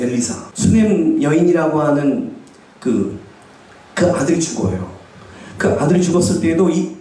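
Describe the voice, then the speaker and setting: Man preaching in a church, voice a bit high, lots of echo, mic far off. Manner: animated, asks the congregation questions and acts out quoted speech. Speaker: pastor. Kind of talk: sermon. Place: church sanctuary. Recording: echoey church hall, distant mic.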